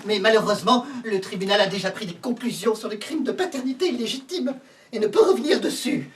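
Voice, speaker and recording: A woman's voice: medium pitch, lively intonation, fast, a little hiss or hum, natural voice. An actress playing a flustered, exasperated woman judge presiding over a trial in a stage comedy, repeating her orders sternly. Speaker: court president. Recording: distant stage mic with audience laughter.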